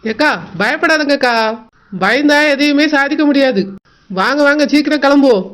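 A cheeky young village woman who talks her frightened friend into running off, played by a woman. Her voice is high. She teases and reassures at a quick clip in this village comedy drama. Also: fairly bright tone. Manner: teasing, reassuring, hurrying.

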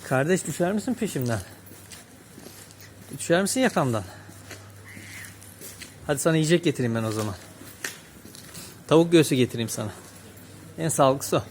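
A man with a slightly high voice films a casual vlog outdoors, talking tenderly and playfully to a group of stray cats. Cats meow around him over a faint hum of street ambience. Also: animated, normal speed, pauses often, darkish tone. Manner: tender, coos and baby-talks to stray cats. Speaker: vlogger. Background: cats meowing, faint street ambience.

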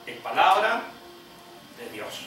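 A man, an evangelist preaching a sermon emphatically, often rising high on repeated phrases and adding "¿eh?" asides. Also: sing-song, slow pace, bright, forceful tone, soft background music. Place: church. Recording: echoey hall, heard from a distance.

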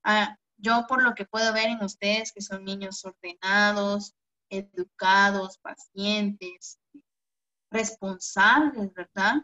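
A woman primary school teacher giving an online class to children, gentle and affectionate, often ending phrases with a questioning "¿verdad?". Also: mid-range voice, fairly even intonation, slow. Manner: affectionate, calls pupils "mi amor". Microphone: video call. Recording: dull lo-fi video call audio.

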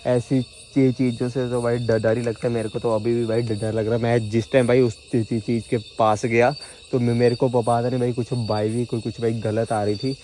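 On a poor-quality recording with a little hiss or hum, a young solo camper in his twenties vlogs with a handheld phone at arm's length, both outdoors in a nighttime forest and inside his small tent. His medium-pitched, warm voice is flat and at normal speed, yet nervous, with stammering and restarts.

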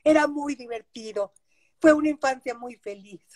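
An older woman with a Mexican Spanish accent and a noticeably high voice tells stories from her childhood. She speaks warmly and nostalgically, often affirming what she says. The audio comes from a video call made at home. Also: normal speed. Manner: warm nostalgic storytelling with frequent affirmations. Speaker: interview guest, actress. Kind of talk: casual reminiscing.

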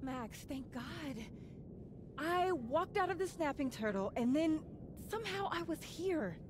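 A panicked young woman lost in a storm, her high voice swinging up and down and sounding distant. Her words come slowly, against a noisy background. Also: lively intonation. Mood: frightened. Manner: frantic and calling from far off. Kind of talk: video game voice acting. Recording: distant game voice with noise.

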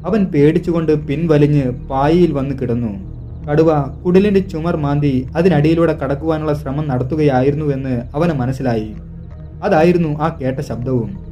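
Man, suspenseful narration, hushed delivery, mellow tone, faint music behind. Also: a little high, normal speed, lo-fi sound. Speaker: storyteller narrator. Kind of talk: dramatic scripted narration. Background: soft background music.

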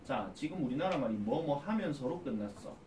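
Animated male teacher in an echoey classroom. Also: medium pitch, fairly quick, far from the mic, slight background noise. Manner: animated, asks students questions and answers them himself. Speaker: academy English teacher. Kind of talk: classroom lecture.

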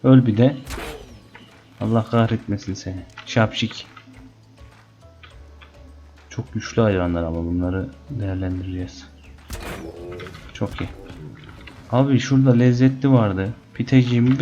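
Gaming host, male, low mellow voice, chatty Let's Play commentary, dull lo-fi mic. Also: normal speed, pauses often, faint music behind. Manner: playful, taunts the game animals, chatty with viewers.

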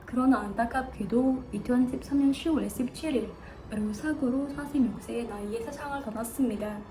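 A woman's voice: on the high side, moderate pace, dark tone, low-quality recording. A young woman with an Indonesian accent gives a formal, rehearsed contest speech. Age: young adult. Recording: clear background noise.

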